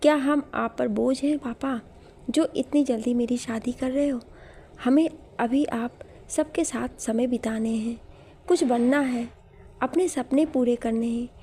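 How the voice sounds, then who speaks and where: A woman's voice: fairly high pitch, unhurried, warm tone, slight background noise. A woman storyteller voicing an earnest, ambitious young daughter in a spoken storybook. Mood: pleading.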